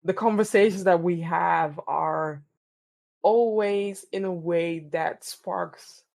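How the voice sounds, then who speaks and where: A middle-aged Dutch woman, a podcast host and DEI coach, answers interview questions earnestly and reflectively, often repeating words while she thinks. Her voice is lowish, slow, gravelly, and somewhat dark in tone.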